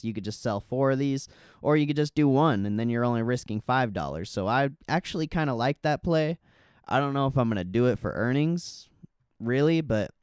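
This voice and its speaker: A man's voice: medium pitch, darkish tone, clear, resonant tone, no echo, clean studio sound. A young man with hiccups, talking casually and rambling through a trading explanation on a livestream, correcting himself often. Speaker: livestream host.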